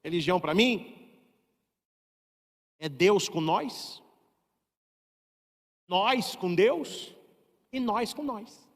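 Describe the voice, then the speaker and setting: A man's voice: very high-pitched, sing-song, quick pace, fairly bright tone, voice pushed up, exaggerated voice. A man playing a humble, wry old man who speaks in plain, folksy words. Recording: long reverb.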